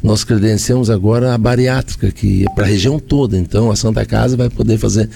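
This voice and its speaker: Brazilian male mayor, dark gravelly low voice, methodical explainer who lists things. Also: a little fast, faint music behind. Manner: explanatory, lists points with repeated phrases. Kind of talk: radio interview answers.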